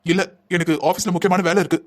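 A man voicing a patient, thrifty husband in a cartoon family drama, who calmly lectures his wife at length. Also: high-pitched, fast, natural voice. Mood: lecturing. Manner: calm lecturing, explaining at length. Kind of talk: Tamil cartoon voice acting.

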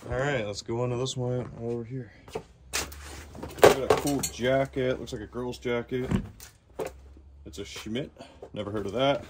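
A man's voice: mid-range voice, steady tone, measured pace, pauses often, very noisy. A man giving casual commentary to himself as he digs through boxes in a cluttered storage locker. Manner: mutters to himself while digging through boxes. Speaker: reseller vlogger.

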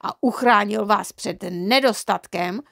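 A woman's voice: mid-range voice, expressive, creaky, fairly bright tone. A woman voicing an exasperated, harried father who bursts out in irritation in an audiobook. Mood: exasperated, angry. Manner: exasperated outbursts. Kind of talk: audiobook character reading.

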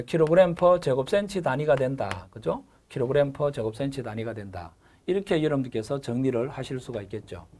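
A middle-aged man giving a recorded exam-prep lecture, repeating key terms, filling pauses with a drawn-out "에" and checking in with "그죠?" after each point. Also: on the high side, darkish tone. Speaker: lecturer for a gas engineering exam course.

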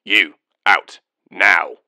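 A man's voice: low voice, steady tone, moderate pace, vocal fry, bright, forceful tone, no echo, voice pushed down, exaggerated voice. A man voicing a blunt male clone soldier in clipped, dry lines. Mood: gruff.

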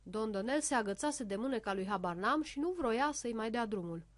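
A woman narrates a children's storybook in an expressive, lively manner. Her voice sits on the high side, and the sound is close and dry. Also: no echo.

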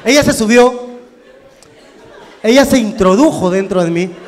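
A man performing crude, animated stand-up comedy with sudden shouted bursts. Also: sits high, a little slow. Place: live comedy venue with audience. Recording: live hall with reverb, crowd noise.

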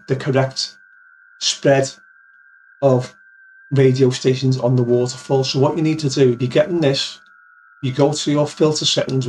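The presenter, a fifty-something amateur radio video host, has a medium-pitched, slightly mellow voice. He gives a casual, plainly spoken software walkthrough with demonstration, step by step, calling viewers "guys," recorded up close on a pop-filtered boom-arm studio mic in his small, cluttered home office.

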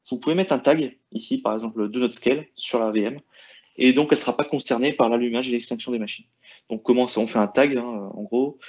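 Man walking through software settings. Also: mid-range voice, muffled recording. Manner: hesitant, many "euh" and restarts while clicking through settings. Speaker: IT presenter. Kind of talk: screen-share tech walkthrough.

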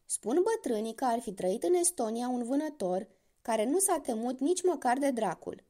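Woman reading a kids' fairy tale, talks right to the listeners, bouncy pitch, warm mellow tone. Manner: lively, addresses the listeners directly. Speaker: storyteller. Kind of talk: fairy tale read aloud for children.

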